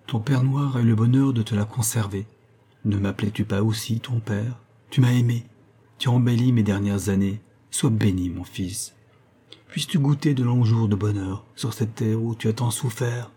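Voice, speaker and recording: A man's voice: fairly low pitch, normal speed, slightly rough. Man voicing a tender dying old man. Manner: soft, gentle farewell speech.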